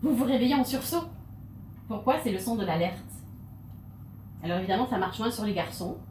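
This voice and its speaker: A woman's voice: on the high side, expressive, brisk, darkish tone, a little hiss or hum. A woman giving a humorous stage talk, playful and theatrical, with laughing asides. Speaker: conference speaker. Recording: echoey hall, mic from far off.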